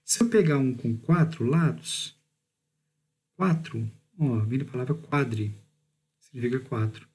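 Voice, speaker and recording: A man speaking with a Brazilian Portuguese accent teaches a recorded math lesson, walking through each step and drawing out key words slowly. He checks in with "beleza?" as he goes, and his mid-range voice has a somewhat dark tone.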